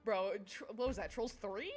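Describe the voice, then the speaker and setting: Speaking in a mid-range voice at a moderate pace, she's a young woman casually chatting with viewers on her stream. She comes across giggly and scatterbrained, skipping between topics over faint background music.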